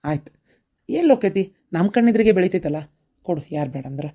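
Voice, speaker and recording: A fast-talking, reassuring villager from a cartoon. The voice sits fairly low and stays matter-of-fact. A North Karnataka Kannada accent runs through every line. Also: female voice, expressive, warm tone. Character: calm family member reassuring the elders. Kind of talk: cartoon dubbing.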